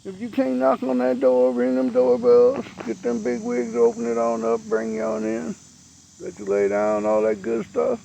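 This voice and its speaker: A man's voice: high-pitched, very animated, normal speed, creaky, mellow, slight background noise, poor audio. A man, ranting bluntly and profanely to camera outdoors as a vlogger. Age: 60s.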